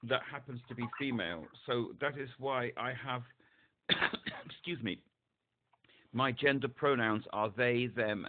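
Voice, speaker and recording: A man on a support phone call, talking hesitantly and searching for words, heard over a phone line. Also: medium pitch. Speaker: caller seeking support.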